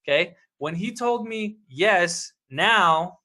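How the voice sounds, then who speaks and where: A man coaching his team in an emphatic, energetic way, often saying "look" and "okay". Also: high voice, slow pace, slight background noise. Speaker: team leader coaching members. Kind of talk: motivational sales coaching talk.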